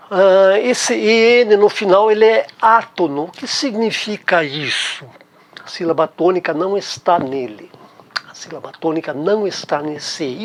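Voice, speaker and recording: A man with a Brazilian Portuguese accent teaching a language lesson, patiently repeating key words and checking in with the listener. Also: on the high side. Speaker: German teacher.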